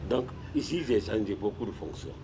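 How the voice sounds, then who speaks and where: A low-voiced older man tells his stories in a sit-down interview. His pitch rises and falls widely as he goes. He restarts and repeats himself often. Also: a little fast, noisy background. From Guinea. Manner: animated storyteller with frequent restarts and repetitions. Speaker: retired sports administrator and guest.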